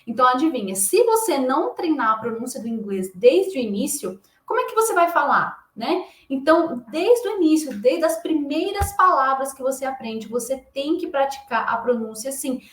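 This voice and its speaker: A woman's voice: high voice, very animated, moderate pace, hardly any pauses. Emphatic Brazilian woman teacher, echoey. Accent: Brazilian Portuguese. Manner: emphatic, insistent, tags sentences with questions. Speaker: English teacher. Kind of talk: motivational online lesson.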